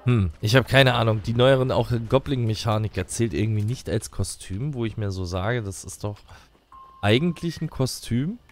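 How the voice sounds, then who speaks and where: A man's voice: mid-range voice, normal speed. A man giving casual, colloquial let's play commentary, musing to himself as he goes.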